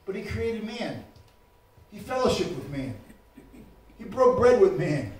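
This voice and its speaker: A man preaches with a very high voice, dropping low and quiet, then climbing into shouts. He is heard from a distance in a church that rings with heavy echo. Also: sing-song, measured pace. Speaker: pastor. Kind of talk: sermon. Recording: echoey church room, mic far off.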